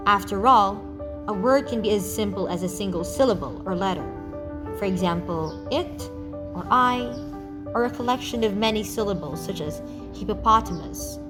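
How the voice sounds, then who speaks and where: A woman from the Philippines reading a scripted English lesson, with a clear, measured teaching delivery. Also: mid-range voice. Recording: music playing behind the voice.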